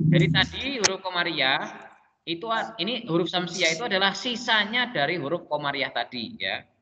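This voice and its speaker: A man teaching a Quran and Arabic class online, patiently explaining step by step and drawing out the examples slowly. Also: on the high side. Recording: dull lo-fi sound with long reverb and faint noise.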